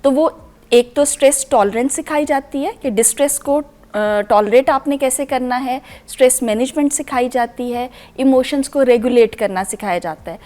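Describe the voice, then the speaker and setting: A woman with a fairly high voice speaks as an expert guest on a studio talk show. She lays out her points one after another in a steady, explanatory way.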